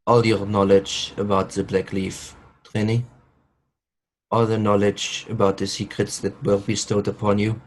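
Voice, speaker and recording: A man voicing a solemn male elf mage who speaks gravely and slowly while explaining a ritual. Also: fairly low pitch.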